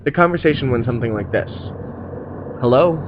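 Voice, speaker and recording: A man reading a horror story aloud in measured scripted narration. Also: medium pitch, phone-quality sound, noisy background.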